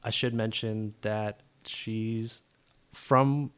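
A young man hosts a casual podcast in a low, soft-spoken voice. He talks in a hesitant, relaxed way with lots of fillers. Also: drawn-out words, slight background noise. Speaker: podcast host.

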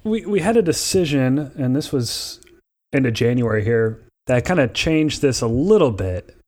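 A man's voice: medium pitch, very animated, moderate pace, darkish tone. A man recording from aboard an airplane, co-hosting a podcast with loose, rambling, conversational explanations. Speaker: podcast co-host. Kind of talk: casual explanatory podcast talk.

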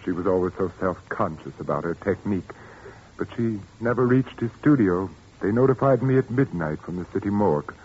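A man's voice: deep voice, expressive, a little fast, darkish tone, breathy edge. A man playing an anguished, brooding and stern widowed father in a 1940s radio suspense drama. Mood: anguished, sorrowful. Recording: muffled, noisy 1940s radio recording.

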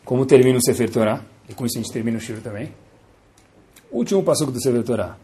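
A man giving a Torah lesson as a lively storyteller, asking his listeners rhetorical questions. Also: mid-range voice, fast. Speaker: religious teacher.

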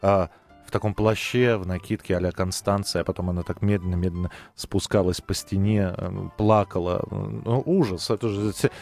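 A man's voice: low voice, steady tone, moderate pace, a little mellow, faint music behind. Chatty male radio co-host. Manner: chatty, joking banter. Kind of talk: live radio talk show.

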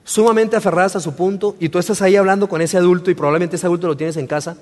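A man preaches a sermon in a high, ringing voice. He talks to the listeners as if chatting with them, then builds to emphatic repeated phrases. His voice carries a long reverb, as in a large hall. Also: steady tone, racing, a little mellow. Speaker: pastor.

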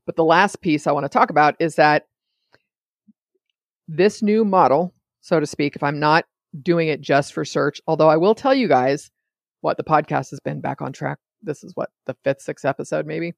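A woman talks through her solo podcast in a loose, chatty way, drifting off on side notes and pulling herself back. Her voice carries a gravelly fry at the edges, and the recording is dry with no room sound. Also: low-pitched, normal speed, dry recording. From California. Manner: chatty and digressive, often sidetracking herself. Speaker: podcast host. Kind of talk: casual solo podcast monologue.

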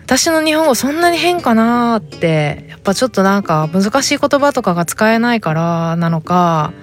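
Podcast host, Japanese woman, 30s, Hakata accent, animated storyteller, middle pitch, soft guitar underneath. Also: normal speed. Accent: Hakata dialect. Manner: chatty, animated storytelling with quoted dialogue. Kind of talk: casual solo chat.

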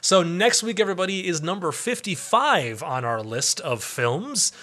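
A man's voice: sits high, very animated, normal speed, sharp tone. A man hosting a podcast in casual, playful banter, joking with his co-host and listeners.

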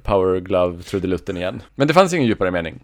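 A man co-hosting a podcast, musing about a film in a relaxed, casual way. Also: low voice, dry recording, clean studio sound. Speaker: podcast co-host.

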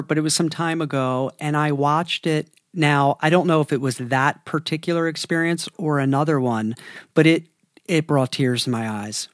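Warm interviewer, casual chat, middle pitch, dry sound. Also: no room sound.

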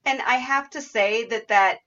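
A woman's voice: fairly high pitch, unhurried, fairly bright tone, highs cut off. A woman hosting a podcast interview in a conversational style. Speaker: podcast host.

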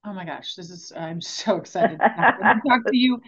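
A woman's voice: medium pitch, moderate pace, fairly bright tone, slightly rough. Enthusiastic female podcast host, conversational, slightly dull recording. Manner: enthusiastic, chatty, says "right?" often. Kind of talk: conversational interview. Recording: dull lo-fi sound.

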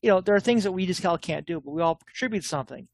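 A man talking bluntly in a casual political chat, quick and opinionated with frequent restarts. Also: high-pitched, animated, vocal fry, no room sound.

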